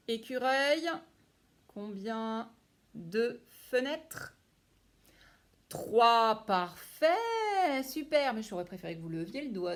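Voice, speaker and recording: Woman, primary school teacher, encouraging, slow and careful, fairly high pitch. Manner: encouraging, lively teacher tone, praises each child by name. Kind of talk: remote phonics lesson for young children.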